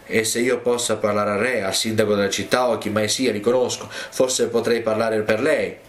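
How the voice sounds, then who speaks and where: A man voicing a tired, gentle old prophet who speaks tenderly to his young servant in a retold sermon story. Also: fairly low pitch, steady tone, moderate pace, echoey room, close to an everyday voice. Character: weary old male prophet, gentle and kindly.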